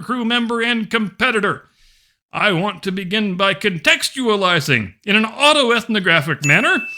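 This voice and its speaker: A woman giving a dramatic reading of an academic text like a hammy stage actor, with theatrical, drawn-out emphasis. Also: fairly high pitch, sharp tone. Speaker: host of a mocking dramatic reading.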